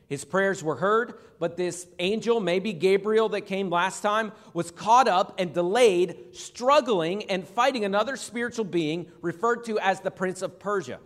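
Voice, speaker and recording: A male pastor with a high voice preaches a Bible-teaching sermon. He talks to the congregation in a conversational way and drops in humorous asides. His voice rings out in a large hall with a long reverb. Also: measured pace, hardly any pauses.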